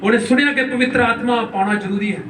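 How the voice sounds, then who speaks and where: High-voiced man preaching in echoey church. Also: fast, a little hiss or hum. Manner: call-and-response, keeps urging the congregation to say hallelujah louder; preaches with questions to the crowd and acted-out examples. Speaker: pastor. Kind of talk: Pentecostal sermon. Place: large church hall. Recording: echoey church hall, mic at a distance.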